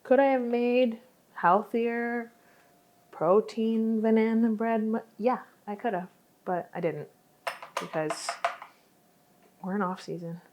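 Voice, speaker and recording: A woman's voice: on the high side, steady tone, takes it slowly, long pauses, dull audio, a little hiss or hum. A young woman vlogging in her home kitchen, chatty and self-mocking as she bakes and talks. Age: young adult. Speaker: lifestyle vlogger. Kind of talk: casual chat while baking.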